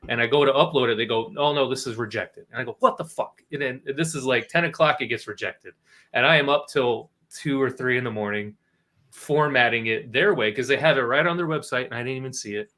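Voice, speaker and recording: A man with a bright, forceful voice tells a story in easygoing conversation. He is animated, swears freely and slips into quoting other people in little voices. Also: medium pitch, brisk. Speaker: guest co-author. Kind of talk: casual storytelling chat.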